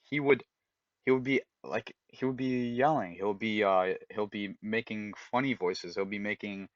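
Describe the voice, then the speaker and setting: Man, low voice, podcast co-host, animated advice, dry dull audio. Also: unhurried, no room sound. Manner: animated, giving direct advice, acts out example voices. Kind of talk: casual podcast chat.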